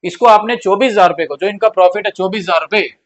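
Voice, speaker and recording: A man's voice: high voice, fast talker, muffled recording. A man teaching accounts in a classroom lecture style, repeating key points and mixing in terms. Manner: repetitive, drills points, acts out pleading partners.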